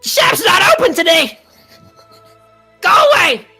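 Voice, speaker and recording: A man voicing a frail, unhinged recluse in a tabletop game, crazed and panicky, with shrill, strained shouting. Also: sing-song, measured pace, vocal fry, soft background music, full character voice. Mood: crazed, hostile. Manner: unhinged, crazed, shrieking like a mad villain.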